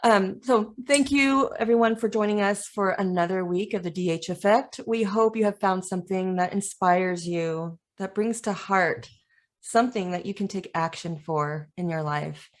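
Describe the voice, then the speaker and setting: Woman, podcast co-host, gentle, hesitant, searching for words. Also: medium pitch, normal speed. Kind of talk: conversational interview.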